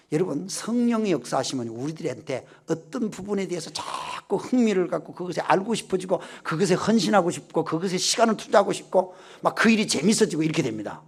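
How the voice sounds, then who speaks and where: Husky, animated man preaching in church. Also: sits high, fast talker. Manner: animated storytelling, swings from shouts to hushed asides. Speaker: pastor. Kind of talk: revival sermon testimony. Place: church sanctuary.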